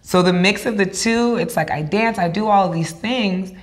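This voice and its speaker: A young American woman raised by Ghanaian parents speaks at medium pitch and a moderate pace. She's a dance instructor sharing her story in a casual interview, upbeat and chatty, with lots of fillers. The background is noisy.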